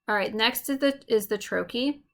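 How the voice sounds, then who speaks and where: A woman teacher giving a recorded lesson, explaining clearly and slowing down to tap out rhythms. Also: fairly high pitch, fairly bright tone.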